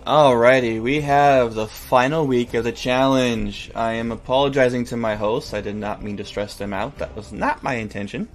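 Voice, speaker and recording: A man's voice: medium pitch, moderate pace, few pauses. A man hosting a podcast with casual, conversational banter. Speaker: podcast host.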